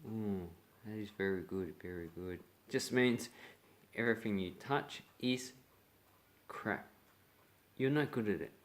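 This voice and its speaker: A man's voice: lowish voice, measured pace, pauses often. A young man with an Australian accent, explaining slang in a blunt, playful way and acting out example lines. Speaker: slang teacher. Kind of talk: casual video lesson.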